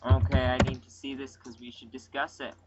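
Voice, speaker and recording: A man co-hosting a podcast, chatting casually and eagerly about new toy sets, quick to cut in and correct. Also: medium pitch, background noise. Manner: excitable, quick to interrupt and correct. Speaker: podcast co-host. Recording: dull lo-fi podcast recording.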